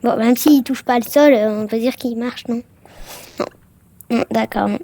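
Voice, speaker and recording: A woman's voice: a little high, moderate pace, dark tone, no room sound. A woman casually commenting on a game she plays for viewers, chatty and full of exclamations and filler words. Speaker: gaming vlogger.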